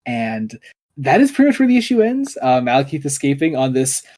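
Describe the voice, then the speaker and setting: A man's voice: medium pitch, sing-song, a little fast, a little mellow. A man co-hosting a casual podcast, recapping a comic with many fillers and restarts and frequent laughter. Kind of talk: casual chat.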